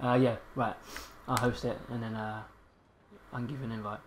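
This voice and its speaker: A young man giving casual, excitable gameplay commentary, swearing and laughing often. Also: medium pitch, fairly quick, slight background noise. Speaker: gaming channel host.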